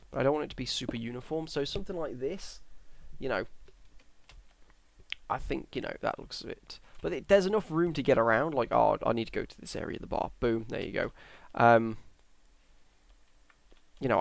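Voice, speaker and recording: A young Englishman talks through his game in a casual, tired ramble, full of restarts and trailing thoughts. His voice is gravelly with fry. The sound is close and dry, with no room echo. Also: medium pitch, lively intonation, fairly quick. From England. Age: young adult. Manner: rambling, hesitant, self-correcting. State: tired, yawning. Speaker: Minecraft YouTuber. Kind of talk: casual gameplay commentary.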